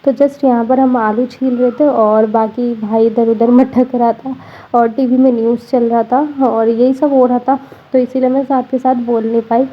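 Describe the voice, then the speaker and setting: Young female vlogger, worn out and a bit congested, husky flat delivery, lo-fi voice-over. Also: a little high, moderate pace. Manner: chatty, frequent fillers like 'matlab'. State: tired, slightly congested. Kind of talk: casual voice-over narration. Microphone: voice-over recorded separately.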